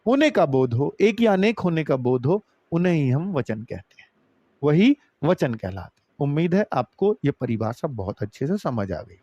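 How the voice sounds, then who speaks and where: A man teaching a grammar lesson. He talks to his students as kids and keeps swinging between emphatic high phrases and low, drawn-out ones. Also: very animated, dark tone, no echo, lo-fi sound. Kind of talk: online exam-prep grammar lesson.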